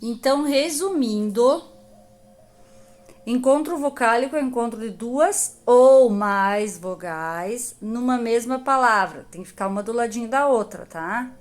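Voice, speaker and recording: Brazilian woman teacher for a kids' lesson, slow and patient, a touch high. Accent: Brazilian Portuguese. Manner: slow, patient, stretches out example words. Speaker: primary school teacher. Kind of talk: recorded grammar lesson.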